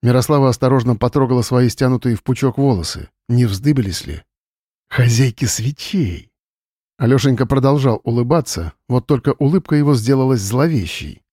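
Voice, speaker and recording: A man narrating an audiobook in an even, measured reading style on a close mic. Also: medium pitch, no room sound. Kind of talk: scripted narration.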